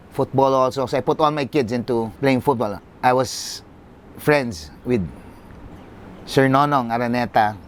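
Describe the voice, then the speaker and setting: A middle-aged man with a Filipino accent, a football club CEO, telling his life story in a halting, earnest way. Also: medium pitch. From Philippines. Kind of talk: personal storytelling.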